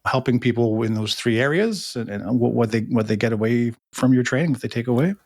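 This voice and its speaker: A man hosting a podcast, asking measured, encouraging questions of his guest. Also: medium pitch, a little mellow. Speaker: podcast host. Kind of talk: casual interview talk.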